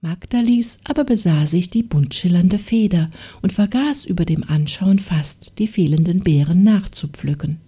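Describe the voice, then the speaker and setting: A woman narrating a fairy tale audiobook in a calm, measured storytelling manner. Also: on the low side, breathy edge. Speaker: audiobook reader.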